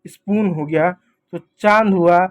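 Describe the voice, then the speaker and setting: High-voiced man teaching a lesson. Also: a little slow, muffled recording. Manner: explains step by step, repeats "thik hai" often. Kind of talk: casual classroom lesson.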